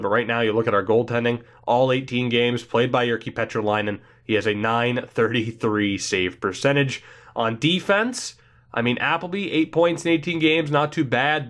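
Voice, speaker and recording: In this gaming video, a young host with a mid-range voice gives rambling, excitable let's play commentary on a hockey video game, voicing his thoughts as they come. He sounds congested from a cold.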